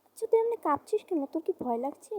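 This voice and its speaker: A woman's voice: very high-pitched, very animated, quick pace, mellow, no echo. A woman playing a brash, reassuring young woman in an amateur horror audio drama. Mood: casual. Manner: brash, teasing.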